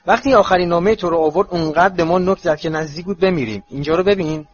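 A man voicing a blunt, excitable teenage boy in a storybook reading, in a slightly muffled recording with faint hiss. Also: fairly high pitch, slightly rough, pitched above the performer's own voice. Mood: defensive. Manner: blurting, defensive.

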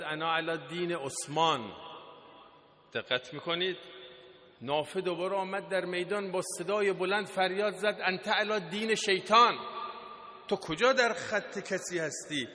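Male preacher, high bright voice, impassioned sermon delivery, long hall reverb. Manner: impassioned, rising to emphatic declamation. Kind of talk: religious sermon.

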